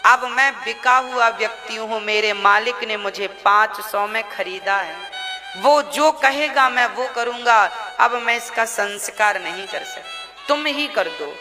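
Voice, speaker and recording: Man doing a fallen king, now a servant, solemn and resigned, slow, bright, hall echo w violin. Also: high-pitched. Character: humbled king turned cremation-ground servant, stern and resigned. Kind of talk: sermon storytelling. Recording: long hall reverb, violin music behind.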